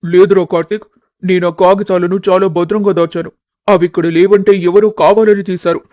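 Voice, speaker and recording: A man's voice: sits high, flat delivery, normal speed, a little mellow, no echo, natural voice. A man voicing a worried old farmer father. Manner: earnest, pleading.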